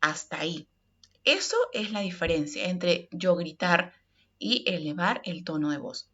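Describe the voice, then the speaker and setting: A woman's voice: on the low side, unhurried, a bit bright, breathy edge, lo-fi sound. A woman with a Peruvian Spanish accent giving an online workplace communication lesson, explaining step by step and often checking in with "ok?". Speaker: course instructor.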